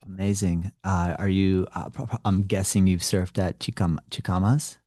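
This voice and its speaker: A man's voice: deep voice, flat delivery, normal speed, dark tone, dry recording, studio quality. A man hosting an interview podcast, chatting casually with many fillers. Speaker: podcast host.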